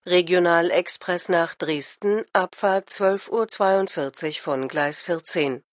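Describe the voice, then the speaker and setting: A woman reading onboard train announcements slowly and precisely for a listening exercise. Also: fairly low pitch, no room sound, studio quality. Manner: precise, formal listing of times. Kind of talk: slow scripted onboard announcement.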